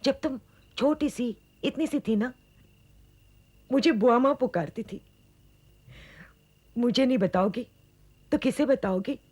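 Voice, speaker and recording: A woman's voice: medium pitch, lively intonation, measured pace, pauses often, dark tone, breathy edge. A woman playing a caring, motherly aunt who speaks tenderly to her niece. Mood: gentle. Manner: pleading, tender. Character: caring middle-aged aunt, emotional, motherly. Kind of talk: Hindi TV serial acting.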